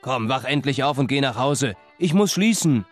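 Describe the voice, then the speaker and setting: A man voicing a kindly but gruff old innkeeper in a storybook tale, scolding in a slightly raised voice. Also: mid-range voice, lively intonation, normal speed, soft background music, close to an everyday voice.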